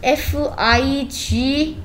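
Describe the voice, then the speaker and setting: Slow, hesitant woman student spelling words. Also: high-pitched. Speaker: English student. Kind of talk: answering in an English lesson. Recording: faint background noise.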